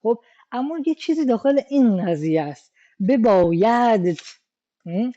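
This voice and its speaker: A teacher walks through a literature lesson in a mellow, darker voice. The teacher keeps posing questions and answering them, with plenty of hesitant fillers. The recording sounds dull and lo-fi. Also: medium pitch, big pitch swings. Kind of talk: explanatory lesson.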